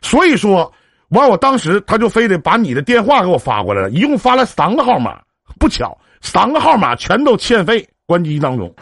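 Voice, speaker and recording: A man's voice: high-pitched, a bit bright, dry recording, clean studio sound. A man with a Northeastern Mandarin accent hosting a live-stream relationship advice show, chatting on the phone in a brash, joking, big-brotherly way. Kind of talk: casual phone counseling chat on a live stream.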